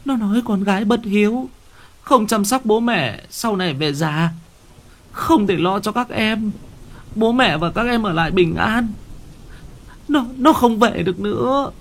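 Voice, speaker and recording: A man's voice: moderate pace, long pauses. A man voicing a frightened older mother who stammers and wails about a nightmare. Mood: frightened wailing. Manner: shrill, stammering, wailing.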